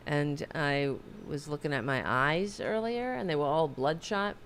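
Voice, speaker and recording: A woman with a low voice speaks at a measured pace over a faint hiss or hum, hosting a casual political talk livestream from her home office. She's a little sick and losing her voice, rambling, chatty and self-deprecating, swearing and correcting herself.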